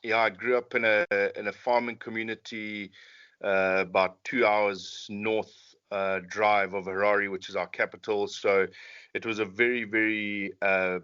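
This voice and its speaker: Bright-voiced man from Zimbabwe. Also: fairly low pitch, level tone, a little slow, clean tone. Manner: friendly, hesitant with many fillers. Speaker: professional hunter guest. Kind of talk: casual podcast interview. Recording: slightly dull lo-fi audio.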